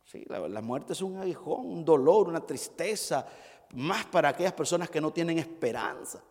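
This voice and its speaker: A male pastor delivers a sermon in a high, very lively voice that rises and dips dramatically. He tells stories with emotion and swings between ringing emphasis and near-whispers. His voice echoes through a reverberant hall. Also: moderate pace. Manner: emotive storytelling, swings between loud and hushed.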